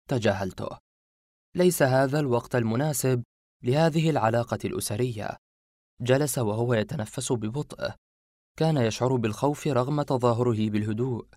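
A man narrating a suspenseful story in the first person, in a steady storytelling manner. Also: mid-range voice, fairly quick, no room sound, studio quality. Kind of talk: audiobook narration.

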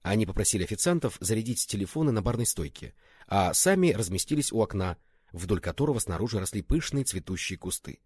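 Male narrator, low-pitched, husky, dry close sound, steady scripted storytelling. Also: fast talker, no room sound. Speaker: audiobook narrator.

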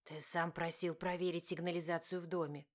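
A woman's voice: lowish voice, flat delivery, a little fast, natural voice. Woman doing an easygoing male friend, offhand, teasing, lightly voiced.

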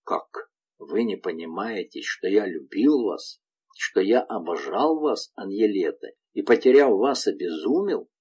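A man's voice: fairly low pitch, animated, measured pace, a little mellow, breathy edge. A man playing a tormented wolf leader. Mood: brooding.

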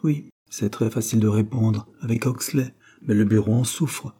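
A man's voice: fairly low pitch, moderate pace, dark tone, slightly rough. A man reading aloud voices a stern middle-aged father who reproaches his sons. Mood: reproachful. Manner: reproachful, dry.

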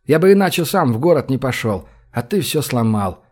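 A cunning young man playing helpless, voiced by the male narrator, mournful on the surface and sly underneath. He speaks slowly, in a hesitant, middle-pitched voice. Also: sing-song, a little mellow.

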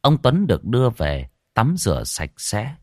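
Low expressive male storyteller. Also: unhurried, dry recording, studio quality. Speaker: audiobook narrator. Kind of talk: scripted horror story narration.

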